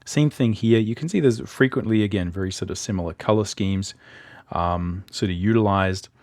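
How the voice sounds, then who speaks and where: Man, low voice, art instructor, relaxed commentary, lots of fillers, dry voice-over. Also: moderate pace, no echo. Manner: loose and conversational, with many fillers and restarts. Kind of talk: casual explanatory commentary over images.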